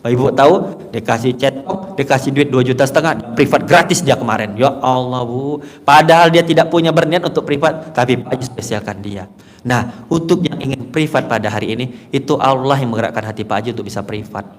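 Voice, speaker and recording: A man preaching a sermon to a crowd, swinging from hushed, low lines to loud, high ones. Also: fairly quick. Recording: long hall reverb.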